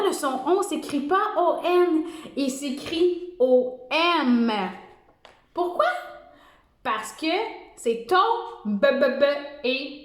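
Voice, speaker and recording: Slow, lively woman teacher sounding out letters. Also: on the high side. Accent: Québécois French. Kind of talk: first-grade spelling dictation. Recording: echoey room.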